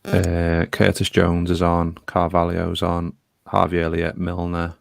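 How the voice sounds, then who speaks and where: A man's voice: sits low, completely flat delivery, unhurried, creaky, no echo, clean studio sound. A man co-commentating on a football watchalong, giving casual and somewhat tentative updates on the match.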